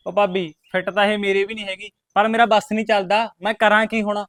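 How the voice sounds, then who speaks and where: An actor playing a scheming young man in a Punjabi village drama, hiding a secret marriage and urging others to keep quiet. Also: sits high, little pitch movement, quick pace. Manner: pleading, hushing, urgent. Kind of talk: rural village drama acting.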